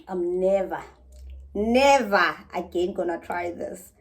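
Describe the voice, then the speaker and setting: A woman's voice: lowish voice, takes it slowly. A South African woman chatting casually in a challenge vlog, gasping and exclaiming because her mouth is burning from spicy food. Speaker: vlogger.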